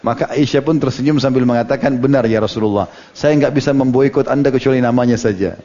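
A man's voice: medium pitch, normal speed, dark tone. A man preaching in a religious study lecture, retelling stories and quoting dialogue with frequent asides. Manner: storytelling, retells hadith with quoted dialogue and asides. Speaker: Islamic preacher. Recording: dull lo-fi audio recording.

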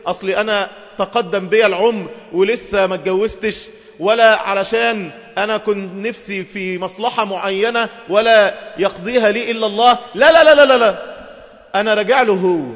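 A man's voice: high voice, steady tone, fairly quick, fairly bright tone, long reverb tail. A man preaching a sermon to women in an Egyptian Arabic accent, emphatic and full of rhetorical questions.

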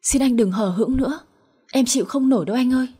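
A woman playing a remorseful young wife, begging and tearful, warm and breathy. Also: fairly high pitch, animated, fast talker. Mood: pleading. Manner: tearful, pleading. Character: guilt-ridden young wife pleading for forgiveness.

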